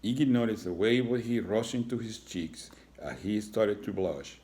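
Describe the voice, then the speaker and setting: A man with a lowish voice reads a children's chapter book aloud. He slips in casual asides to his young listeners between passages. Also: normal speed, a little mellow. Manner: adds chatty asides to listeners. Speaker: reader. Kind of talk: reading a children's story aloud.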